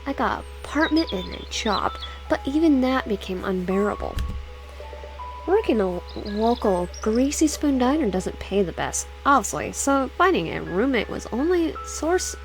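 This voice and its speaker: Reading a horror visual novel for her viewers, this young adult gaming YouTuber trips over words, restarts frequently and drops in chatty comments. She speaks in a sing-song voice on the high side, with faint music behind her.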